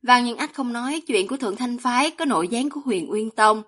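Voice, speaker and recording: A woman reading a fantasy novel aloud as an audiobook narrator, in a steady, even manner. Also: on the high side, fairly quick.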